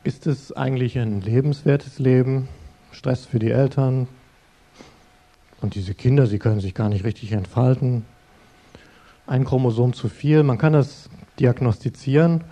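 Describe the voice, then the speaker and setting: Mellow-voiced man giving a sermon. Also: medium pitch, unhurried. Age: middle-aged. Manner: earnest, conversational, addresses listeners directly. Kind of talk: sermon-style talk.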